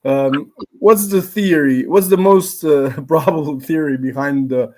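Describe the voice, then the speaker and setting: Man, slovenian accent, slow pace, halting, fillers, podcast host, video call. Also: fairly high pitch, mellow. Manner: halting, with frequent pauses and fillers. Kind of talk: live-streamed interview.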